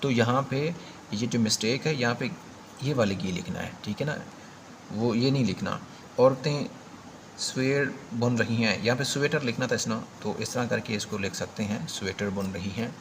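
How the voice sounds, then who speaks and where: A man's voice: mid-range voice, normal speed, noisy background. A man with a Pakistani accent teaching an exam prep grammar lesson, explaining step by step and repeating key points with emphasis.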